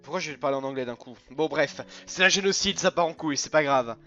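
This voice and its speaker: Chatty man doing animated game commentary. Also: a little high. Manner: animated, chatty, quick outbursts of frustration. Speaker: gaming youtuber. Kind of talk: let's play commentary. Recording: dull lo-fi recording, faint game music.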